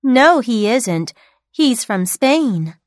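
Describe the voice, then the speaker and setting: A woman reading textbook dialogue answers for a listening test, slowly and carefully enunciated for learners. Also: a little high, sing-song, no echo, studio quality.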